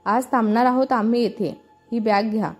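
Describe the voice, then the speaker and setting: A woman's voice: on the high side, steady tone, moderate pace, breathy edge, soft background music. A woman reading the lines of a brash, teasing young male college student in a storybook. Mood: coaxing.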